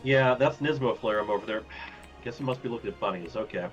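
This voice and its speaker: A man casting a live strategy game, easygoing and quick to laugh, at times stretching out names in an announcer voice. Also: mid-range voice, muffled recording, soft background music. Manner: easygoing, laughs often, slips into a drawn-out announcer voice. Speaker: esports caster.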